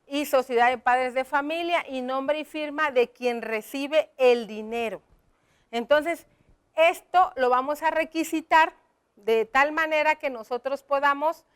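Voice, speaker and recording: High-voiced woman teaching. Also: smooth. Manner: slow, explaining step by step, addressing children. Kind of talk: classroom lesson.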